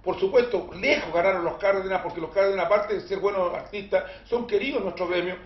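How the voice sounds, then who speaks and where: A high-pitched Chilean man hosting a talk show, telling stories with emphatic, joking energy. The sound is dull and echoey, with faint room noise underneath. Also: quick pace. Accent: Chilean Spanish. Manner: animated, emphatic storyteller with jokes. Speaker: host. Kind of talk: casual studio chat.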